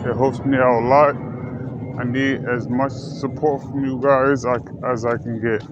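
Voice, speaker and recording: Casual vlogger, male, mid-pitched voice, rambling and self-correcting delivery, dull lo-fi sound with faint hiss. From United States. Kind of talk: casual personal talk to camera. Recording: slightly dull lo-fi recording with faint ambient noise.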